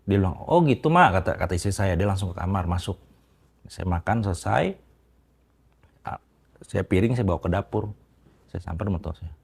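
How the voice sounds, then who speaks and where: A man with a very low voice recounts a private story in a halting, casual way, stumbling over restarts and fillers. He talks mostly quietly as an interview guest, his tone growing louder when the story gets tense. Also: steady tone, vocal fry, breathy edge. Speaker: interviewee telling a personal story.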